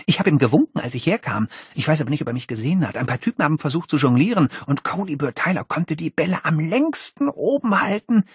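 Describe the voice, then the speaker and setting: Guy doing a fanboy seventh grader, rambling, squeaky high, all over the place. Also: very animated, fast talker, few pauses, husky, no room sound, clean studio sound, heavily acted. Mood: gushing. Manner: gushing, rambling. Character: chatty, star-struck seventh-grade boy.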